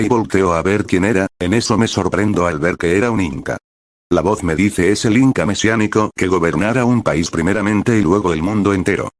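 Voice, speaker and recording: A pastor from Peru reading aloud a prophetic vision in a slow, solemn, dramatic manner. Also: male voice, sits low, no echo.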